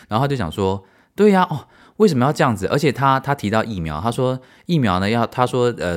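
A man with a Taiwanese Mandarin accent hosting a podcast in a chatty, expressive, casual solo style. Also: low-pitched. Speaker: podcast host.

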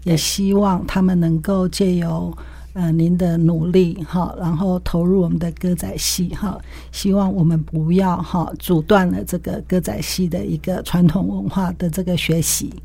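A woman hosting an interview, asking long, polite questions and giving frequent soft backchannels. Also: lowish voice, steady tone, moderate pace, vocal fry, no room sound. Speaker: interview host.

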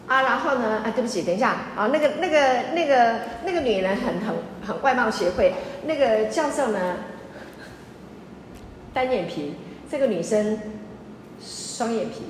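A woman pastor preaches with emphatic repetition, stopping often to ask her listeners questions. Her voice sits fairly high. The recording carries the long reverb of a church hall with faint background noise. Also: lively intonation, normal speed. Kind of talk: lively sermon. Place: church sanctuary.

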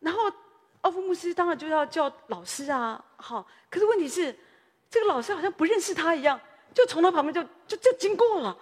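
A woman's voice: very high voice, lively intonation, a little fast, in a large hall. A woman pastor, preaching a sermon in a conversational storytelling way, often tagging her sentences with small particles.

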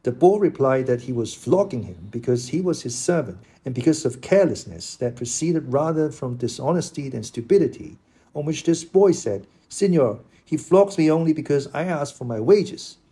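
A man's voice: mid-range voice, lively intonation, normal speed, warm tone, husky. A man reading the part of a proud old knight who lectures in formal, archaic speech, in an audiobook. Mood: declaiming.

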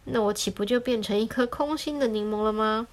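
A woman voicing a lonely, earnest gentleman lemon in a children's story, speaking courteously. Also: on the high side, brisk, close to an everyday voice. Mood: polite.

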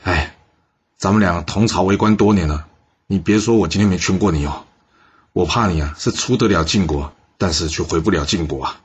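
A man's voice: deep voice, brisk, slightly rough, lo-fi sound. A man voicing a cautious minister who sighs and warns his colleague, in an audio story. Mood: worried. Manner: sighing, warning.

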